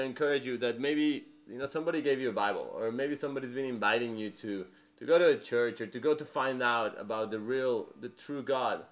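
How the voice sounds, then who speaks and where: A young man from Mexico giving an earnest, conversational testimony sermon, full of "you know" fillers. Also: mid-range voice. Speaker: preacher.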